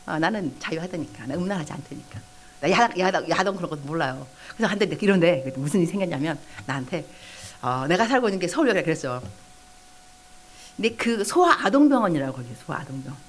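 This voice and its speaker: Brief: middle-aged woman pastor, lower pitch, very lively intonation, conversational sermon in a church hall, faint hum underneath. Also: fast talker. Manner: animated storytelling with quoted outbursts and chatty asides. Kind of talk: lively evangelistic sermon to young adults.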